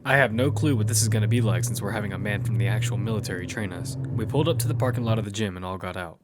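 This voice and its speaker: Here a low-voiced man races through his lines in a natural voice over very noisy surroundings. He's the narrator and lead character, a laid-back, self-assured young gamer recounting events in first person and ribbing his friends, mixing narration with dialogue.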